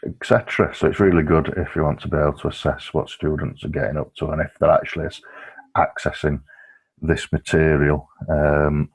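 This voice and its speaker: Very deep, flat, husky-voiced man tutor. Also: brisk. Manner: relaxed, explanatory, with frequent fillers. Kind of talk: screen-recorded software walkthrough.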